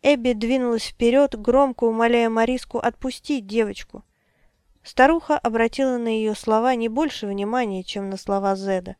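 Woman audiobook narrator, measured and dramatic; fairly high, smooth voice. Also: steady tone, darkish tone, no echo, studio quality.

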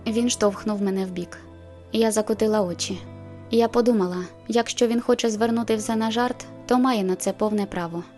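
A woman narrating a novel in the first person, in a measured, intimate storytelling manner. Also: medium pitch, steady tone, a little mellow, soft background music. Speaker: audiobook narrator.

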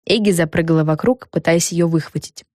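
A woman reading a children's book aloud with lively, expressive storytelling. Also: lowish voice, a little fast, dry recording, clean studio sound. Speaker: audiobook narrator. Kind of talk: scripted narration.

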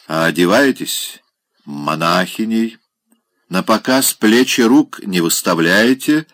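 A man voicing a coarse older male general who loudly mocks a lady with a marriage proposal, in an audiobook reading. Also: lowish voice, expressive, dry recording, clean studio sound. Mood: mocking. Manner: loud, mocking, drawn-out exclamations.

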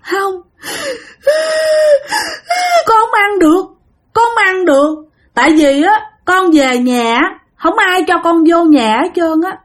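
Brief: woman narrator doing a weeping young male ghost, gasping and pleading, lively high tone. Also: very fast, hardly any pauses. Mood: tearful. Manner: sobbing, breathless pleading.

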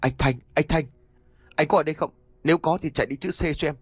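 A man voicing a cruel, vengeful young man in a ghost story, snarling insults in fast, harsh bursts. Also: fairly high pitch, husky, dry recording, clean studio sound, voice pushed up. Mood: intent.

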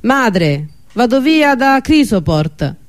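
An eager, earnest young man, as a man narrating puts him on, pleading to go his own way. The voice sits fairly high, and it is an audiobook reading. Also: sing-song, normal speed. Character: eager young man longing to leave home.

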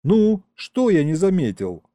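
A man's voice: high voice, sing-song, a little slow, dark tone, dry recording, pitched above the performer's own voice. A male reader voicing a cheeky imp henchman who talks in street slang and keeps saying boss. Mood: boastful.

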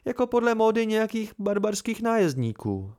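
A woman's voice: mid-range voice, sing-song, dark tone, pitched above the performer's own voice, lightly acted. A man voicing a witty young woman studying medicine, teasing in a dry way.

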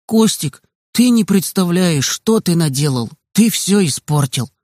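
A man's voice: high-pitched, animated, unhurried, no room sound, clean studio sound, voice pushed up. A man voicing an eager young boy. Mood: upset. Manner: eager, pleading, bright raised tone. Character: excitable young boy Dima pleading with his father.

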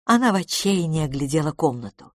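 Woman reading an audiobook calmly. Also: low voice, no room sound, clean studio sound. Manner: measured, expressive reading. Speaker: audiobook narrator. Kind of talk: scripted narration.

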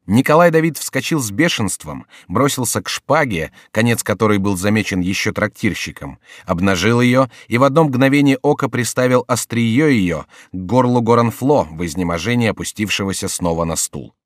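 Low-voiced male audiobook narrator. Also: animated, moderate pace, few pauses, no room sound, studio quality.

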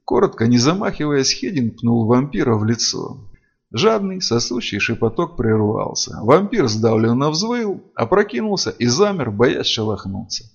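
A man narrating a fantasy audiobook in an expressive, dramatic way. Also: medium pitch, creaky, husky. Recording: dull lo-fi audio.

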